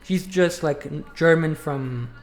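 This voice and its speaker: A man's voice: on the high side, slow. A man chatting casually on a live stream, rambling with many fillers. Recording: roomy with faint music.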